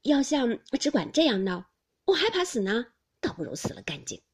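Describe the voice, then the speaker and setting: A gentle young nobleman, as a woman reader puts him on, coaxing and soft, often half-whispered. The voice stays husky and breathy, and its pitch moves a lot. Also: sing-song, normal speed. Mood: pleading.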